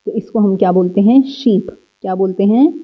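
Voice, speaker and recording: Lady teacher walking little kids through a worksheet, smooth clear voice, kinda dull lo-fi sound. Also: mid-range voice. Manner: patient, repeats words slowly, asks and answers own questions. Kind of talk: worksheet lesson for young children. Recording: slightly dull, lo-fi audio.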